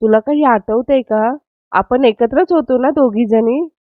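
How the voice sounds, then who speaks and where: A woman voicing a caring young female companion who coaxes gently. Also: a little high, measured pace, no room sound, lightly acted. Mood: gentle. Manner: gentle, coaxing. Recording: dry, slightly dull lo-fi.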